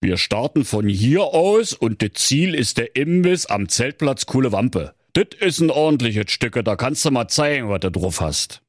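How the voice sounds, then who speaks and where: A man's voice: mid-range voice, sing-song, a little slow, hardly any pauses, no echo, clean studio sound, pitched above the performer's own voice. A man voicing a scheming male Mettigel in a comic radio fairy tale, with a Berlin accent and a smug, slangy way of talking. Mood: sly.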